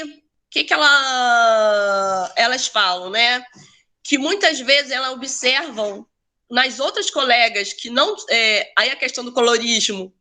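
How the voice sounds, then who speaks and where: A woman's voice: a little high, sharp tone. A woman educator telling a personal story in a casual talk, often adding tag questions. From Brazil. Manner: conversational, tag questions, restarts. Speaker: educator and researcher.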